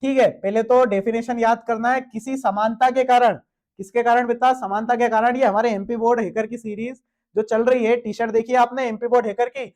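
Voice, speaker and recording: High-voiced man teaching exam lessons. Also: fairly even intonation, brisk, darkish tone. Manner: asks questions and answers them himself, calls students "beta". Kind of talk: Hindi grammar lesson to students.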